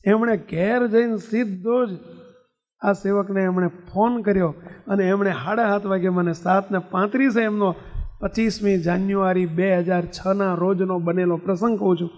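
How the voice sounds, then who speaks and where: A man's voice: sits high, steady tone, normal speed, a little mellow. A swami gives a religious discourse to a congregation. He keeps asking the listeners questions and leads them in call-and-response chanting. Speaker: swami preacher. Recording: dull lo-fi sound with long hall reverb.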